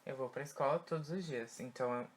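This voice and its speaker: A man with a Brazilian Portuguese accent, a native Portuguese speaker, teaching an online English class and drilling words slowly, checking in with "tá?" after each point. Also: medium pitch. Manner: slow, repetitive drilling with frequent "tá?" checks.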